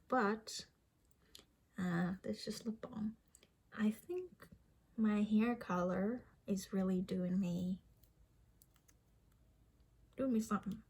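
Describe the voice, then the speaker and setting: Speaking to the camera, this young vlogger rambles easily, restarting sentences frequently and slipping in small laughs as she pokes fun at herself. She has a light Vietnamese accent and a relaxed manner. Her voice sits at an ordinary middle pitch, slightly husky and breathy, with a darkish tone.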